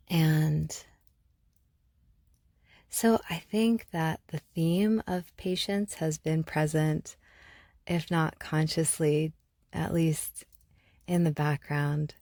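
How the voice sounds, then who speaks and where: A woman from Algeria talks through her thoughts on her own podcast, pausing often and circling back to find the right words. Her voice sits low and moves slowly. The recording is dry, with no room sound around her. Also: a little mellow, no room sound. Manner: thoughtful, searching, many pauses and restarts. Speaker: podcast host. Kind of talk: reflective solo podcast talk.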